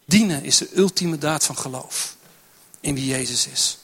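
A man's voice: fairly high pitch, normal speed, fairly bright tone, husky. A man preaching a sermon in church, pressing his points with emphatic, repeated phrases. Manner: builds to emphatic, repetitive exhortation.

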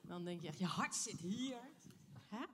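A woman's voice: on the low side, expressive, measured pace, a little hiss or hum. A middle-aged woman speaking to a younger church member after his testimony, talking to him directly in a chatty way. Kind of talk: warm personal encouragement.

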